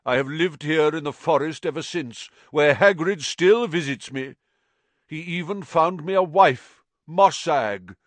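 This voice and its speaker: Man voicing ancient male giant spider, croaking, grave, slow, dry close sound. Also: a little high, no echo, voice pushed up, lightly acted. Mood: fretful.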